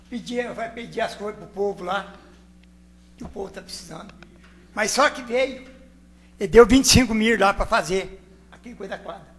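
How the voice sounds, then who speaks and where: High-voiced man complaining, faint hum behind. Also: a bit bright. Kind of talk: council floor remarks.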